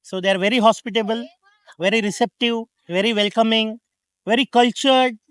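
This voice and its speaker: Articulate man from India, smooth voice. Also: sits high, fairly even intonation, moderate pace, fairly bright tone, no room sound. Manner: articulate, earnest. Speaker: tourist.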